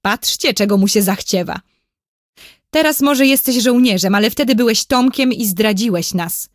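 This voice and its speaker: A woman's voice: fairly high pitch, normal speed, dry recording, clean studio sound, close to an everyday voice. A woman reading a storybook, voicing an angry, scornful male enemy army officer who sneers harshly.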